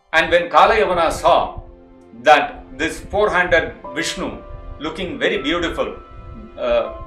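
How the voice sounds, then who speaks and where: A man's voice: fairly high pitch, fairly bright tone. A man telling a devotional epic story in an explanatory way, with frequent filler hesitations. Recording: echoey room with faint music.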